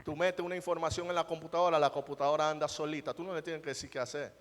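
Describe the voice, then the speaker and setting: Emphatic male preacher, somewhat high voice, quizzing his congregation, heard with long church-hall echo. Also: steady tone, rapid-fire. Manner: rhetorical questions to the congregation, emphatic. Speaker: pastor. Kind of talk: sermon.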